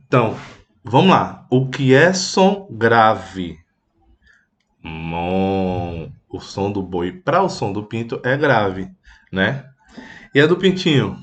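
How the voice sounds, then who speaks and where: A Brazilian man teaching a children's music lesson, patient and simple, mooing like a cow and strumming a guitar to show sounds. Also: medium pitch. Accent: Brazilian Portuguese. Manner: slow, patient, with animal sound imitations; plays guitar while explaining.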